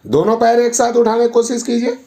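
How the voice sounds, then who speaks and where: A man's voice: very high voice, fairly even intonation, a little fast, mellow. A man working as a yoga therapist, firmly coaxing a patient at home and repeating his encouragement. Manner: firm, coaxing, repeats himself. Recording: echoey room, mic at a distance.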